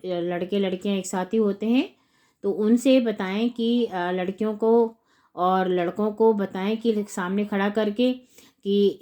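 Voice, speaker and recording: A woman's voice: medium pitch, mellow. A woman teacher walking through a school textbook lesson, breaking words into separate syllables as she explains. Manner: slow, spelling words out syllable by syllable.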